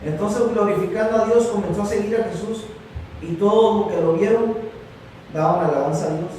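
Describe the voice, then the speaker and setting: A man's voice: sits high, brisk, a little mellow, slight background noise. A man preaching a sermon as pastor, building emphasis and often calling out to his brothers in the faith. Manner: preaching with rising emphasis, repeating "mi hermano". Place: church. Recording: echoey church room from far off, faint ambience.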